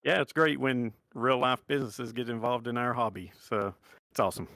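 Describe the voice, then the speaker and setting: A man's voice: medium pitch, steady tone, a little fast, creaky, pushed and bright, no echo, studio quality. A man chatting casually as a racing driver in a pre-race interview.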